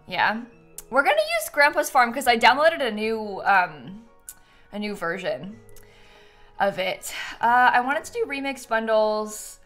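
A young woman streams a game with playful, giggly chatter. Her voice sits fairly high, swings widely in pitch and sounds bright. She talks casually and pokes fun at herself, close on the mic. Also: very animated, unhurried. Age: young adult. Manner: playful, giggly, self-deprecating gamer chatter. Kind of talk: casual live stream gaming chat. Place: small room indoors at home. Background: game music.

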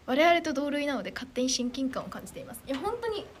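A teenage girl from Chiba chatting casually on a livestream, reading viewer comments in a bubbly, animated, self-deprecating way. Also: high-pitched, fast, slight background noise. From Chiba, Japan. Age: teens. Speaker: idol trainee streamer.

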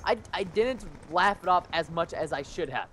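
A young man from Canada hosting live gameplay commentary, excitable and giggly, joking around on a headset mic. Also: sits high, moderate pace, slight background noise. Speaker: gaming channel host.

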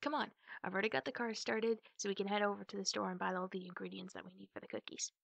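A woman plays a teasing, affectionate big sister in an ASMR roleplay, chatting with the listener in a playful, eager mood using drawn-out words and quiet asides. Her mid-range voice is gravelly with little pitch movement, recorded without echo.

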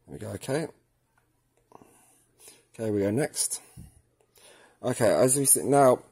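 A product tutorial presenter talks through a casual step-by-step demo indoors at a work table, filming his hands and the device. His voice is medium-pitched and mellow with a breathy edge, and he thinks aloud informally as he works.

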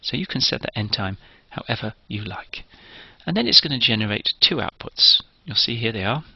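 A man's voice: lowish voice, animated, normal speed, gravelly, husky, no echo, dull audio. A man giving a recorded engineering lecture, explaining each step methodically.

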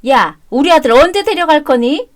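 A bossy older mother-in-law, put on by a woman reader, scolding in sharp, shrill bursts. Her voice sits rather high and rises when she nags. It is a storybook drama reading. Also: lively intonation, moderate pace. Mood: demanding.

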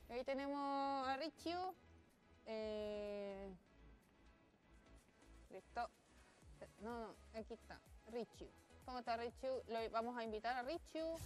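Chilean girl streaming games, high voice, super chatty, bit of music in the back. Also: unhurried, long pauses. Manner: chatty, playful, exclaims and laughs while playing. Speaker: streamer host. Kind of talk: casual gaming stream chat.

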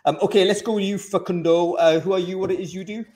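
A man's voice: high-pitched, steady tone, fast talker, a little mellow. Chatty male host on a video call. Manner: friendly, chatty, many restarts and fillers. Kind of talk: live video-call panel hosting. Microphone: over-ear headset on a video call.

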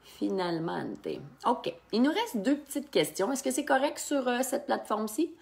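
A woman sommelier speaks with a Québécois French accent in a casual live-stream chat. She is chatty and animated and fills her talk with asides to the people watching her wine quiz. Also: fairly high pitch, normal speed, gravelly. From Quebec. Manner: chatty and animated, with frequent fillers and asides to viewers.

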